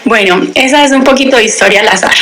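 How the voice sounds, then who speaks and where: A young woman who teaches languages tells her story candidly in a radio interview. Her voice is a little high and fast, and she tells it in a lively way, acting out quoted dialogue.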